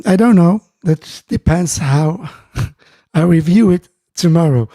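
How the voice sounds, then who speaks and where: This is casual live-stream chat by a male host, a native Dutch speaker, in his home music studio. His slightly high voice is gravelly and mellow; he hesitates often, restarts and uses many fillers while greeting chat viewers, with no echo in the sound.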